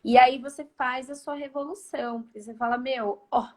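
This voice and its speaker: A Brazilian woman in her thirties chatting as a guest therapist, her voice sitting a bit high. She tells her story in animated bursts, leaning on fillers, heard through a video call. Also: brisk. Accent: Brazilian Portuguese. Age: 30s. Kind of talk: casual chat.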